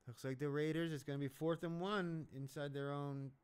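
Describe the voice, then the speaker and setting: A man's voice: on the high side, fairly even intonation, normal speed, smooth. Blunt, profane man reacting to football. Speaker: sports betting stream host. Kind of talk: casual live game commentary.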